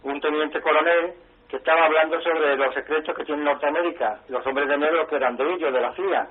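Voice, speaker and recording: A nervous man calling in to a radio show over the phone, asking halting, apologetic questions. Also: fairly high pitch, fairly even intonation. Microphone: telephone. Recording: tinny phone line.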